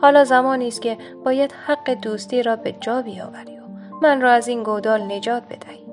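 A woman's voice: a little high, fairly even intonation, soft background music, natural voice. Pleading trapped wolf, voiced by a woman. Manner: pleading, coaxing. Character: proud wolf trapped in a pit, now pleading.

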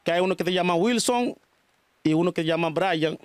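Dominican man, high-pitched, dry recording, casual interview, says mijo a lot. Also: fairly quick, smooth, dry recording. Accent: Dominican Spanish. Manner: calls people mijo and mija, repeats blessings. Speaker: spiritual worker interviewed.

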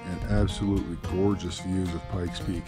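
A middle-aged man talking casually while hiking a mountain trail, speaking to a handheld action camera in a relaxed, rambling way with fillers. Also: deep voice, normal speed, loud music behind the voice. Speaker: hiking vlogger. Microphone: action camera held at arm's length.

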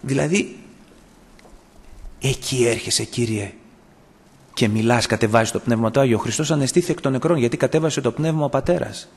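A man pastor delivering an impassioned sermon, swinging between loud declarations and hushed confession. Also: medium pitch, pauses often, breathy edge.

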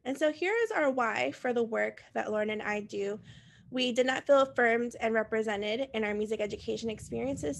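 A woman in her thirties from Puerto Rico, a music teacher presenting an online teacher workshop over a video call in a calm, earnest way. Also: a little high, creaky, a little hiss or hum. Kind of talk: online professional development presentation.

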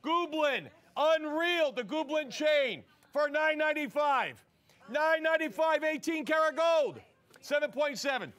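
High-voiced man repeating sales pitches. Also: animated. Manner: fast, repetitive, urging viewers to yell sold. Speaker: shopping show host.

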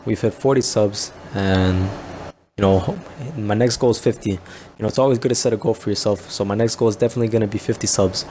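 A young man giving casual, rambling commentary over a video game, chatting to viewers and breaking into excited yelps and laughs. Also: lowish voice, gravelly, a little hiss or hum. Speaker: gaming YouTuber.

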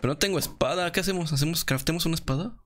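A young man with a Mexican accent giving excitable, slangy commentary while playing a game and laughing often. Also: on the high side, racing, a little hiss or hum. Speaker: gaming video creator. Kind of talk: casual gameplay commentary.

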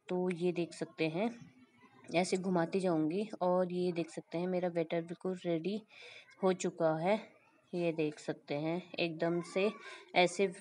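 A woman's voice: fairly low pitch, darkish tone. A woman cooking vlogger chatting through a home recipe, addressing her viewers as friends. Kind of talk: casual recipe walkthrough voice-over. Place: home kitchen.

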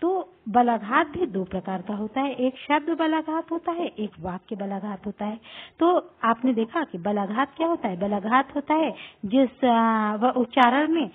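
Husky-voiced woman teaching on a tinny line. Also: a little high, lively intonation. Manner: halting, repeats terms and pauses on drawn-out fillers. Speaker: school Hindi grammar teacher. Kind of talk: classroom lesson explanation. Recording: tinny phone-like recording.

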